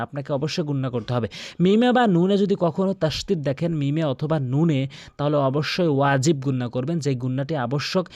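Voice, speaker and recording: A man's voice: a little high, mellow, dry recording. A man teaching Quran recitation, explaining pronunciation rules step by step and repeating sounds for the listener to practice. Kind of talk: tutorial lesson with recitation examples.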